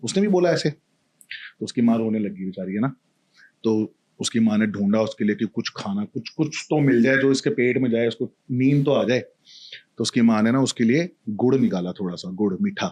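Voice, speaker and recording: A man's voice: fairly low pitch, normal speed, slightly rough, lo-fi sound. A man telling a mythological story casually, full of animation and voicing each character himself. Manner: animated, acts out every character.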